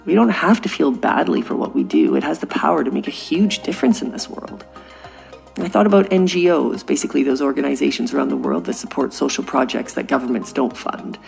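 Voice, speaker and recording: Soft background music accompanies a woman in her forties from Canada as she hosts a podcast. In a scripted monologue she shares a personal story in an earnest, reflective tone, her bass voice gravelly and darkish and her pace a little fast.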